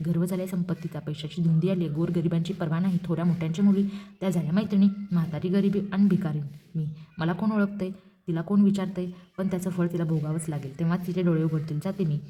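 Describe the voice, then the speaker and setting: A woman's voice: fairly low pitch, fairly even intonation, fast, lo-fi sound, close to an everyday voice. A woman voicing a goddess disguised as an angry old beggar woman, scolding bitterly in a storybook reading.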